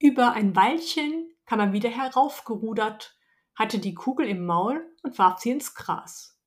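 A woman's voice: fairly high pitch, animated, a little slow. Woman reading a fairy tale aloud. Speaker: podcast co-host and storyteller.

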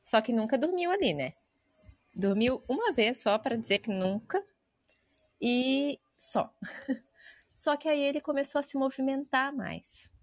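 Mulher relaxada falando por chamada de vídeo. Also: female voice, high voice, animated, unhurried, long pauses, no echo. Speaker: guest mother. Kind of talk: casual chat.

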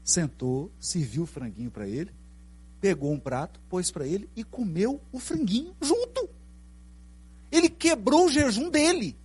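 A middle-aged Brazilian man with a Brazilian Portuguese accent giving a spiritist lecture, telling stories in an animated way and asking the audience questions. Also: high-pitched, measured pace, breathy edge. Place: lecture hall.

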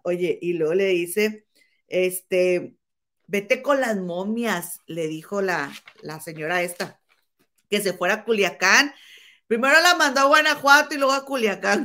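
Animated woman dishing gossip. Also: mid-range voice. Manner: animated storytelling, acts out quoted insults, keeps saying "comadre". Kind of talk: casual celebrity gossip chat.

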